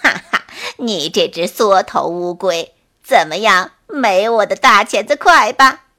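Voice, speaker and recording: A woman's voice: mid-range voice, lively intonation, a little slow, voice pushed down. A woman voicing an arrogant, boastful male scorpion in a children's bedtime story. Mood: taunting. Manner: loud, boastful, taunting.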